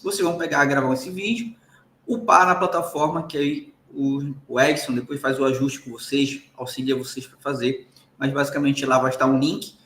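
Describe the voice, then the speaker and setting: With a Brazilian Portuguese accent, a man lectures law students in a recording, his medium-pitched voice pushed and bright against a reverberant room. He is emphatic and keeps checking in with the class.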